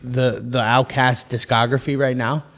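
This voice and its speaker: A man co-hosting a podcast in casual chat, a blunt and animated storyteller who swears freely. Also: mid-range voice, normal speed. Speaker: podcast co-host.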